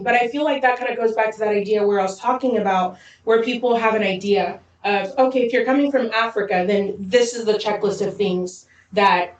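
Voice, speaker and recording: A woman from Zambia co-hosting a podcast, telling stories quickly and lively with frequent laughs. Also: a little high. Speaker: podcast co-host. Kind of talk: casual chat. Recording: roomy echo, distant mic.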